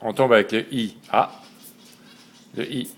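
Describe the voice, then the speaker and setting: A man, slowly and methodically teaching a writing system letter by letter. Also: mid-range voice, steady tone. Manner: slow and methodical, spelling out letters one by one. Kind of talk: step-by-step lesson.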